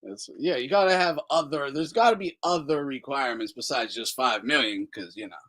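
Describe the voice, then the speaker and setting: A man's voice: mid-range voice, brisk, bright, forceful tone. A man hosting a boxing talk show, ranting casually, laughing often and swearing freely. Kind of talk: casual profane rant.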